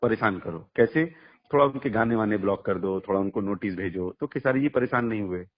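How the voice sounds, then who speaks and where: A man with a voice on the low side talks fairly quickly during a heated phone conversation. He's a music artist's manager being interviewed, arguing bluntly and emphatically with rhetorical questions, and the phone recording sounds muffled and lo-fi.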